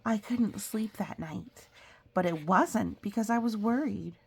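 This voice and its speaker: A woman's voice: medium pitch, a little slow, vocal fry, breathy edge. A woman reading a picture book aloud as a storyteller, expressively, with chatty, explanatory asides for young listeners.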